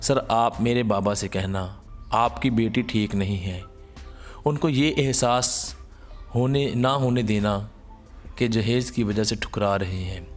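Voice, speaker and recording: A man with a low voice voicing a poor, shy young woman who speaks softly and pleads with a trembling voice. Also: slow pace, soft background music. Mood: pleading, tearful.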